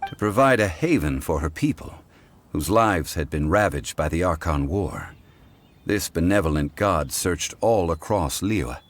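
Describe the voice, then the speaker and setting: In this piece of video game voice acting, a deep male voice portrays an ancient consultant who is calm, scholarly and composed. He speaks in a measured, formal, deliberate way. The game score plays faintly, and there's a little hiss or hum on the recording.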